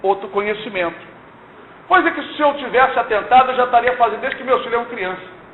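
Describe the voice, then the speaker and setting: High-voiced older man preaching. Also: quick pace. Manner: earnest, exhorting, frequent rhetorical "não é?". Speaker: church member giving testimony. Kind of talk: sermon-like testimony. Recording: tinny lo-fi recording in echoey room, faint hiss.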